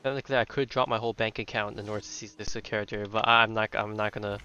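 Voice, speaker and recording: A man streaming a video game chats casually, rambling as he thinks aloud and repeating his words often. His voice is on the low side, steady and fast, with a sharp, clear, resonant tone. The recording uses a dull lo-fi mic, and video game music plays behind.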